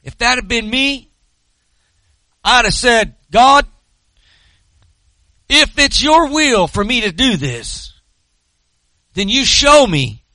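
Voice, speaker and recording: High, bright-voiced Southern preacher man. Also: big pitch swings, slow, long pauses, no room sound, poor audio. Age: 40s. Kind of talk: impassioned sermon with storytelling.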